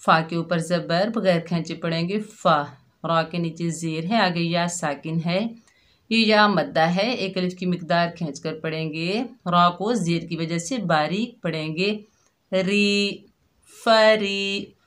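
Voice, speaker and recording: Slow, low-voiced woman teaching recitation. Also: a bit bright. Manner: patient, spells out each sound and repeats it. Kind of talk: slow step-by-step tajweed lesson.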